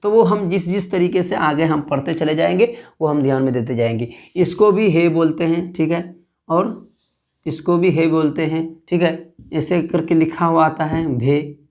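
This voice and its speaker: A man's voice: a little high, normal speed, a little mellow. A man teaching an online alphabet lesson. He recites the letter names one by one, repeats his points and quizzes the viewer to check they follow. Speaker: Urdu teacher.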